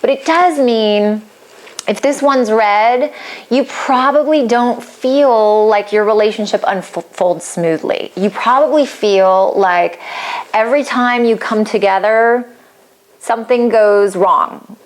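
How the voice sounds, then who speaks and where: Chatty woman astrologer, animated and expressive. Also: on the high side, slow pace. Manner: chatty and animated, acts out quoted reactions, laughs lightly. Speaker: astrologer explaining a compatibility report. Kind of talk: casual explainer talk.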